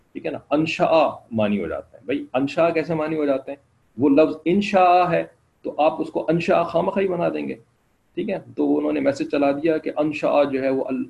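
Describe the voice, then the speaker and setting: A man's voice: mid-range voice, creaky, mellow. A man teaching a class, explaining step by step, often checking whether students follow and putting questions to them. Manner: explains patiently, keeps checking "okay?". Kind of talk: classroom lecture. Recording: dull lo-fi recording.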